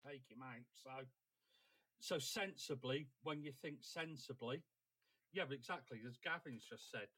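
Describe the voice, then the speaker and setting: A man's voice: a little high, measured pace, bright, forceful tone, breathy edge. A man in casual football debate as a podcast panellist, blunt and emphatic.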